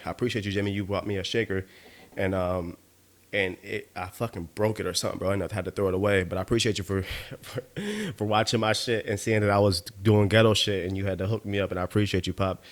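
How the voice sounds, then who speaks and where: A man hosting his own podcast, telling stories in a loose, profane way and often asking "you know what I mean", a bit tipsy from drinking. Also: on the low side. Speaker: podcast host. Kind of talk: casual monologue.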